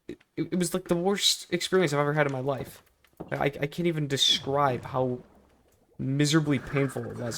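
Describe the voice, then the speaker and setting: A man's voice: fairly high pitch, a bit bright, slight background noise. A young man telling a personal story in a casual vlog style, rambling and repeating himself with emphatic, exaggerated complaint. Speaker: video creator.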